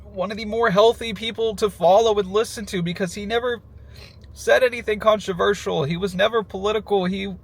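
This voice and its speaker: A man speaking casually and emotionally in a heartfelt personal tribute, halting as he goes, sad in his farewell. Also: sits high, fairly even intonation, gravelly. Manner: emotional, halting, with nervous little laughs breaking into phrases.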